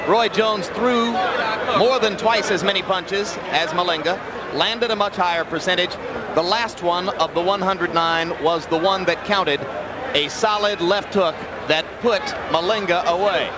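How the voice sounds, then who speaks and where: A man's voice: high-pitched, a little slow. A man giving emphatic, articulate live boxing commentary as a broadcaster. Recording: noisy arena broadcast over loud crowd. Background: loud crowd noise.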